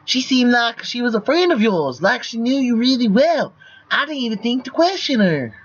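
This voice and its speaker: A man's voice: very high voice, big pitch swings, moderate pace, husky, muffled recording, pitched above the performer's own voice, full character voice. A man reading the lines of a guarded, playful young male celebrity hero from a text game. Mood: earnest.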